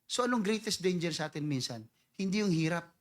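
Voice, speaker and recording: A man pastor preaching a sermon, mixing Tagalog and English, swinging from quiet scripture reading to loud emphatic calls and mimicking people's prayers. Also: sits high, expressive, a little fast.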